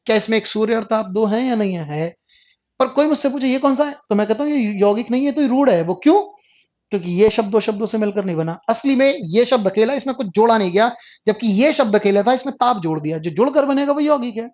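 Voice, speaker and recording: A man's voice: very high voice, darkish tone. A male Hindi grammar teacher giving an online class lecture, who asks his students questions and answers them himself and repeats the key terms. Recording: dull lo-fi recording.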